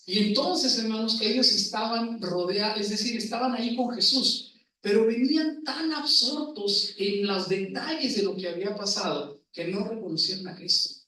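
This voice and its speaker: Preaching in church with a high, bright and pushed voice, this man keeps asking the congregation questions in slow, emphatic phrases. His voice comes from far off in an echoey space.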